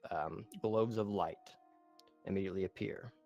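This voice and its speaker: Low-voiced male game master. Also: moderate pace, creaky, darkish tone, highs cut off, soft background music. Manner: casual, loose narration with fillers and restarts. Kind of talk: narrating a tabletop game over voice chat. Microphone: online voice chat.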